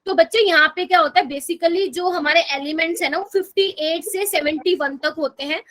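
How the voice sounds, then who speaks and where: A woman's voice: very high-pitched, brisk, a bit bright. A woman teaching a chemistry class online in Hindi, explaining step by step and often checking whether students follow. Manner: explains step by step, asks students to confirm with "okay?".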